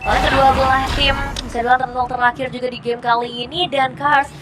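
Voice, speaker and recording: A woman's voice: high voice, flat delivery, quick pace, very noisy. A woman working as an esports caster, commentating and analysing a live match in casual, colloquial speech. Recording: loud music behind. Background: loud music.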